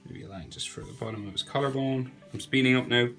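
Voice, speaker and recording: With a fast, gravelly, mid-range voice made nasal by a cold, a young drawing tutor chats his way through a drawing one step at a time. The tutorial is relaxed and narrated over faint background music.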